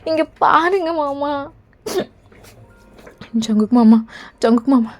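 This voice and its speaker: Woman as a soft-spoken young queen, high voice, slow, pleading, fan audio drama, faint music behind. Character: young queen, gentle and fearful for her husband.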